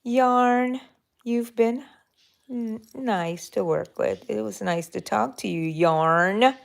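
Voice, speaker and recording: A Texas woman with a mid-range, gravelly voice speaks slowly while hosting a relaxed live crochet stream from her bedroom. She chats and thinks aloud as she works, even talking to her yarn.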